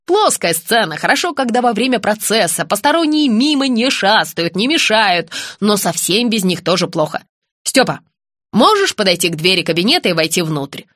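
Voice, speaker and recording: Woman doing a bossy director lady barking orders, fed up, lively up-and-down voice, dry close mic. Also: mid-range voice, no room sound. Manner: commanding, exasperated. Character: impatient bossy female film director.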